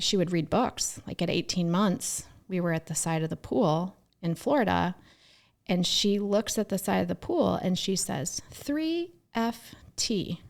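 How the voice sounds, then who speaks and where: A woman co-hosting a casual podcast, a therapist and mother telling lively stories from raising her kids. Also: lowish voice, vocal fry. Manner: lively storytelling, acts out her own past remarks.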